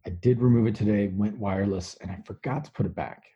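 A man's voice: on the low side, fast talker, husky, highs cut off. A man co-hosting a podcast with dry, joking humor, his audio cutting in and out over a weak wireless video call. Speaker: podcast co-host. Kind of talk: joking casual chat. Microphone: wireless connection on a video call.

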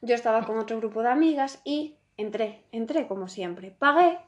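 Young woman, excitable storyteller in casual chat, high voice. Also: moderate pace, muffled recording. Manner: excitable storytelling, often laughing. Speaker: friend in the chat.

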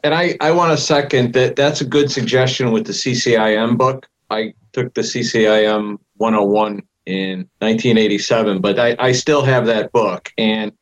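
A middle-aged or older man co-hosting a podcast in casual, halting talk that often repeats words. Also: fairly low pitch, highs cut off. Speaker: podcast co-host. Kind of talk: casual interview chat.

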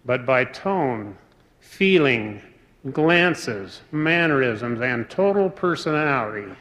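Slow, measured man in a reverberant hall. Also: on the high side, fairly bright tone. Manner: measured, deliberate, pausing between phrases. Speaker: speaker. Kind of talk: formal sermon address. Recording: long reverb of a large hall.

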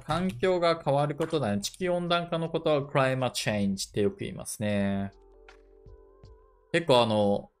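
A man hosting a casual dictation lesson. He thinks aloud and repeats English phrases slowly to check how they sound. His first language is Japanese. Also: mid-range voice. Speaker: podcast host leading a dictation session.

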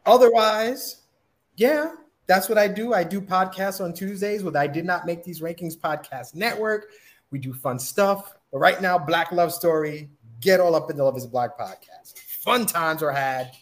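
A man's voice: high voice, moderate pace. A man talking casually as a panelist on a podcast.

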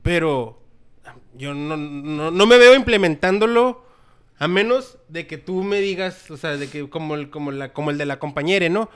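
Man, Mexican accent, high-pitched, relaxed slangy talk. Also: moderate pace, clear, resonant tone. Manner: relaxed, slangy, explains at length. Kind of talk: casual chat.

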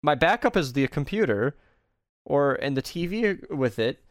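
This young man hosts a casual stream chat in a lively, swinging voice that jumps high when he gets excited. He swears freely. His voice sounds dry and close to the mic. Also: moderate pace, no echo. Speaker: streamer host.

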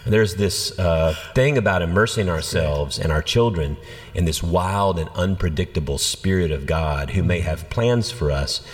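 A man, a pastor, talking through faith in a relaxed conversational way, a lively storyteller. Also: low-pitched, moderate pace, big-room sound. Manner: animated storyteller, acts out quoted voices. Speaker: senior pastor. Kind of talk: conversational church podcast teaching.

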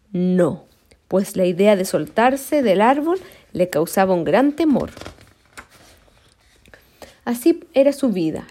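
A woman reading a children's story aloud in an expressive, slow, deliberate way, sometimes stumbling and restarting a word. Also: mid-range voice.

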